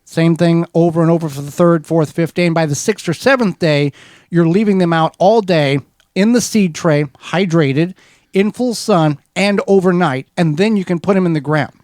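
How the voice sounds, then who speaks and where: A man co-hosting a gardening radio show from the studio, explaining step by step in a steady, methodical way. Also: fairly high pitch, normal speed, no echo. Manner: steady, methodical how-to explaining with small restarts.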